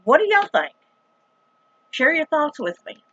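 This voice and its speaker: A high-pitched woman's voice with big pitch swings, a little slow and fairly bright, belongs to a middle-aged vlogger from rural America. With her Southern accent she tells viewers a story in a casual, dramatic, emphatic and folksy plain-spoken way. The audio is dull with no echo.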